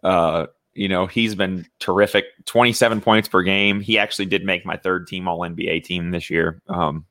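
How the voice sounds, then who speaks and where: A young man from Indiana with a very low voice talks sports on a podcast. His speech is loose and chatty, full of "you know" and restarts. The sound is dry and close, with no room around it. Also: steady tone, moderate pace, hardly any pauses, a bit bright, no echo. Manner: conversational, many fillers and restarts. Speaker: podcast co-host. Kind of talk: casual sports talk.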